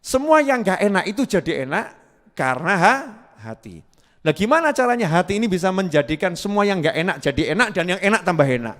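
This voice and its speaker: A man preaches to a live crowd. He keeps putting questions to the listeners and stretches his chants out slowly. His voice rings with long hall reverb. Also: high voice, sing-song, fairly bright tone. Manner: asks the crowd questions, chants dhikr in long drawn tones. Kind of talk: sermon to a live audience.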